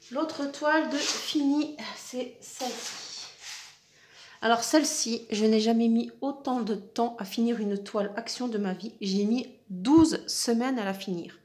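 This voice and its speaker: A woman's voice: medium pitch, a little mellow. A woman, a crafting vlogger chatting casually, with many fillers and restarts, as she shows her finished pieces. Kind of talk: casual show-and-tell vlog.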